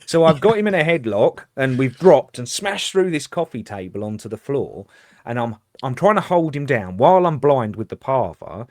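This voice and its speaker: A man, a former police officer co-hosting a podcast, telling a lively anecdote in a casual chat. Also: medium pitch, normal speed, no echo, clean studio sound.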